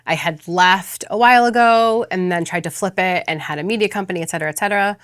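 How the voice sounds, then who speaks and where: A woman's voice: fairly low pitch, fast talker, dry recording, clean studio sound. Candid woman host in her fifties. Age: 50s. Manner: candid, excitable, swears casually. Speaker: podcast host. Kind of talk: conversational interview.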